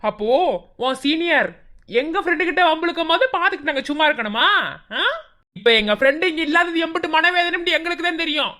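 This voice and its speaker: A scheming, spiteful young college woman sneers in a high, bright cartoon voice, as a woman plays her. She rattles her taunts off fast. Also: animated, heavily acted. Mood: sneering. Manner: sneering and quick-tongued. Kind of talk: animated cartoon voice acting.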